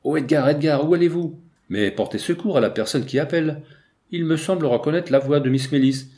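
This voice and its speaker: A man's voice: fairly high pitch, a little fast, warm tone, pitched above the performer's own voice, close to an everyday voice. A man reading the lines of a frightened young woman in an audiobook, anxious and pleading. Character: frightened young woman, half-asleep mistress.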